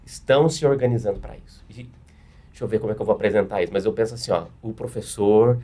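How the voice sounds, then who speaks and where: A man's voice: on the low side, fast, warm tone. A man with a Brazilian Portuguese accent, a pastor explaining step by step with practical examples in a panel discussion.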